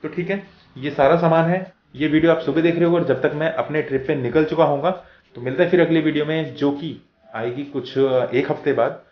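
Chatty vlogger man. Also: fairly high pitch. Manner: chatty and explanatory, frequent drawn-out "uh" pauses. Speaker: travel vlogger. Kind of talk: casual vlog talk to camera. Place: small room at home, indoors. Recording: roomy, slightly dull sound with faint room hum.

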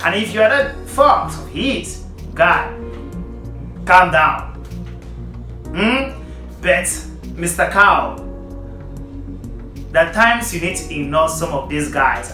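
Young man, animated vlog commentary, bright tone, roomy echo. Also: on the high side. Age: young adult. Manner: animated, emphatic, addresses viewers directly. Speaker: vlogger. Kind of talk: casual commentary to camera. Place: plain indoor room.

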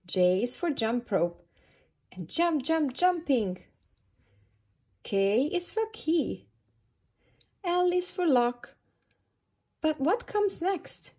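A woman reading a children's picture book aloud at storytime, pausing to ask the young listeners questions. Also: high-pitched, expressive, warm tone. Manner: slow, sing-song, asks the young listeners questions. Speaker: early years storytime reader.

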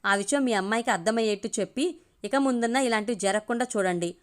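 Storybook figure: a firm, grave older mother, read by a woman, measured delivery. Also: fairly high pitch, natural voice.

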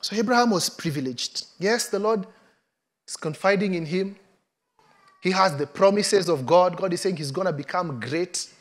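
A middle-aged pastor, a little higher-voiced than most men, preaches in a chatty, storytelling way. He leans into his scripture quotes and asides, speaking from a large church stage into a headset mic. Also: moderate pace. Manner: conversational storytelling, acts out quotes. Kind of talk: sermon.

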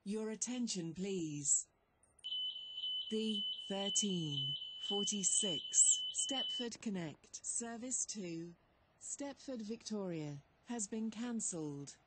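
A woman giving formal, measured train station announcements over a PA loudspeaker. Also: mid-range voice, lively intonation, very noisy. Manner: measured, formal, evenly paced. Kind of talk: recorded automated announcements.

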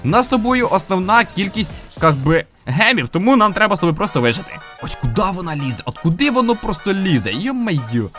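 A man's voice: sits high, sing-song, fast talker, few pauses, a bit bright, faint music behind. A man giving playful, upbeat live gameplay commentary as a gaming video host, dropping in sound-effect interjections.

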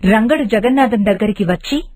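A woman narrating an animated moral storybook in a steady, expressive way. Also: mid-range voice, fairly quick.

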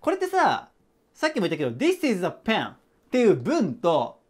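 Lively, chatty male teacher. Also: high voice, moderate pace. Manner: chatty, explains with rhetorical questions. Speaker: English teacher. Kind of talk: casual whiteboard lesson.

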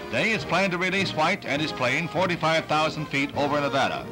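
A man's voice: on the high side, lively intonation, a little fast, over music. A man with an American accent narrating in a dramatic, punchy 1950s newsreel announcer style on a vintage soundtrack.

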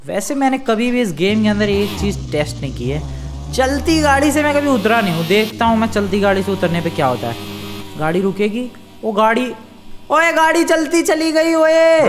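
A man giving excited gameplay commentary, exclaiming and repeating words as he plays. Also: high-pitched, a little fast, over music. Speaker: gaming YouTuber.

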